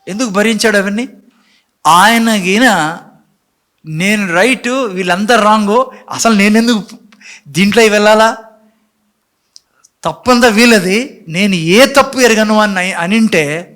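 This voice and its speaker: A man preaching. He fires off rhetorical questions and acts out the dialogue of a Bible story as he preaches. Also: high voice. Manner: animated preaching, rhetorical questions, voices God and Cain in dialogue. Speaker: pastor. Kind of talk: sermon.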